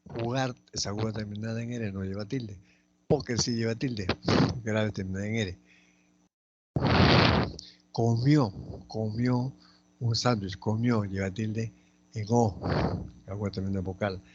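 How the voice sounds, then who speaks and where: A man teaching a spelling lesson, slowly and methodically going through each word and repeating it aloud. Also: lowish voice, steady tone, a little mellow, dull audio, a little hiss or hum. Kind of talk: spelling lesson, explaining accent marks.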